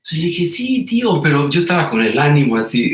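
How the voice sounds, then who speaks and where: A man's voice: a little high, fast. A man, telling a personal story as an interview guest in an earnest, emotional manner with frequent repetitions. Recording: roomy echo.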